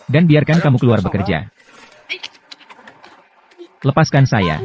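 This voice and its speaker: A man's voice: mid-range voice, sing-song, unhurried, darkish tone. A man reading every role of a dubbed drama, switching between the parts as the lines go. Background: drama score music.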